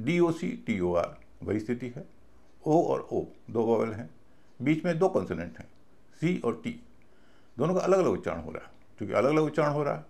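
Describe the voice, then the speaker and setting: A man's voice: mid-range voice, vocal fry, darkish tone. A man teaching a recorded video class, explaining patiently and spelling out words letter by letter. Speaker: English pronunciation teacher.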